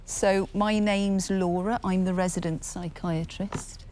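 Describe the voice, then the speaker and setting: A woman playing a calm, measured psychiatrist. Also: medium pitch, a little hiss or hum, close to an everyday voice. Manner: calm, measured, dryly patient. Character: calm female resident psychiatrist. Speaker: actor.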